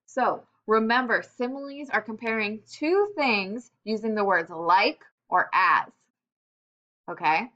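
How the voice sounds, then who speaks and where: A woman teacher giving a recorded lesson to young children, upbeat, slowing down to stress example phrases. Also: mid-range voice, bright, forceful tone. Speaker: elementary school teacher. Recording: slightly dull computer-mic sound.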